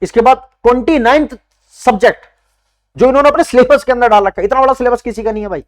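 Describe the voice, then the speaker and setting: High-voiced man giving an emphatic coaching lecture. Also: fast. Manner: emphatic, repeats key points, addresses students as brother. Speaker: exam prep teacher.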